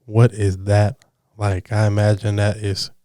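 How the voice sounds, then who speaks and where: Smooth, low-voiced male podcast host. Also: monotone, measured pace, mellow, dry recording, studio quality. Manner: laughs easily, casual slang. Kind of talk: casual interview conversation.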